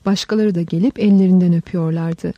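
A woman narrating a historical story in a measured, dramatic reading. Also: lowish voice, steady tone, no echo, highs cut off. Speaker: audiobook narrator.

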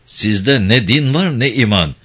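A man's voice: mid-range voice, animated, a little slow, a bit bright, slightly rough. A man playing a proud, stubborn old notable. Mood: defiant. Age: older. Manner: haughty, defiant. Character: proud elderly local notable, stubborn and threatening.

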